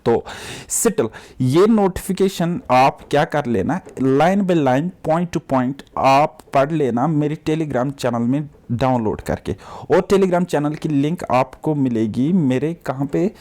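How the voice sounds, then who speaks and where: A man with a slightly high-pitched voice talks to his students like a coaching teacher giving them an update. He is chatty and direct and keeps encouraging them. He mixes English words into his Hindi and checks in often with "theek hai" and "okay". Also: takes it slowly, darkish tone. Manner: straightforward, repeats "ठीक है" and "okay" as check-ins. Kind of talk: casual direct-to-camera exam update.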